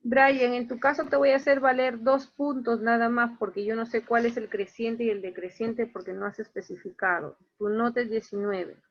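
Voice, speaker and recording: Teacher on a lo-fi online call. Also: female voice, on the high side, fairly even intonation, moderate pace, hardly any pauses. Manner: explains grading step by step, plain and matter-of-fact. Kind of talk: online class, reading out grades.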